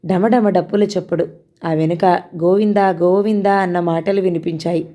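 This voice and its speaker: A woman narrating an audio novel in a steady storytelling manner. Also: fairly low pitch, normal speed.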